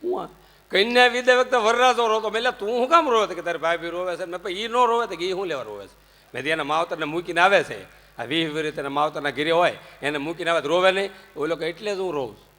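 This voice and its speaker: Jokey Gujarati male storyteller, fairly high voice, long hall reverb. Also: fast. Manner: jokey, anecdotal, animated swings into loud punchlines. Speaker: religious storyteller. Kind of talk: humorous religious discourse.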